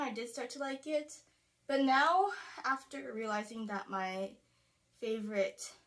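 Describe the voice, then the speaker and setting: Chatty young woman rambling to camera. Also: medium pitch. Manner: rambling, chatty, frequent "like" fillers. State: sweating, a little out of breath. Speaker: beauty vlogger. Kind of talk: casual talking-to-camera vlog. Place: small closet filming space.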